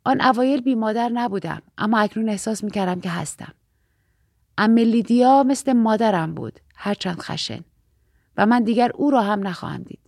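A woman narrates a novel in the first person, measured and quiet. Her voice carries a gravelly fry, and the recording is close and dry with no room sound. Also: a little high, expressive, no room sound. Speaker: audiobook narrator.

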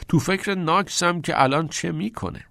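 A man's voice: fairly high pitch, creaky, fairly bright tone, no room sound, studio quality, voice pushed up. A man voicing an awkward, good-natured teenage schoolboy who stammers a little. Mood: amused. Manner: stammering, amused.

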